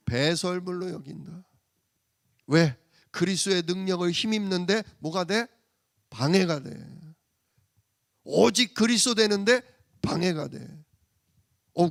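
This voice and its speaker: Male pastor, high-pitched, dry recording; sermon delivery, rhetorical questions, alternates loud stresses with quiet asides. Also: vocal fry, no echo. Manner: rhetorical questions, answering himself; swings from loud emphasis to soft murmur. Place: church.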